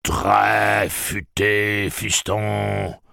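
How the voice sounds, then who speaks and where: A man doing a gleeful, crude pirate with a gravelly drawl. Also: sits low, animated, takes it slowly, a bit bright, no room sound, studio quality, pitched above the performer's own voice, full character voice. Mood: taunting. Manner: mocking, coarse taunting. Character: gleeful crude old male pirate, menacing.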